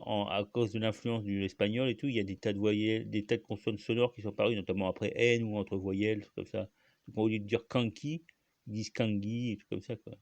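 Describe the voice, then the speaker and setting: Man, low gravelly voice, dry close sound, rambling solo host full of fillers. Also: a little mellow, no echo. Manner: rambling, many fillers and restarts, frequent coughs. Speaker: channel host. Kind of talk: casual solo monologue.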